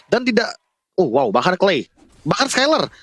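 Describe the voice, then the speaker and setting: A man's voice: high-pitched, very animated, moderate pace, gravelly, fairly bright tone, a little hiss or hum. A man with an Indonesian accent giving detailed, explanatory analysis as part of an esports commentary team.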